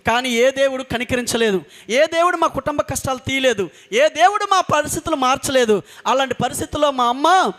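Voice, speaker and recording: Male preacher with a very high pitch, giving an earnest testimony with repeated emphatic lines. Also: expressive, brisk, a bit bright. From coastal Andhra Pradesh, India. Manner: earnest storytelling with emphatic repetition. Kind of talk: sermon testimony.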